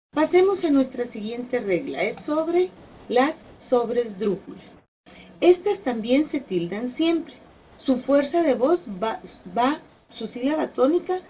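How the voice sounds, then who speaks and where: Female teacher, slow and deliberate, slightly high voice, drawn-out example words, faint background hiss. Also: a little mellow, low-quality recording. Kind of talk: slide-based spelling lesson.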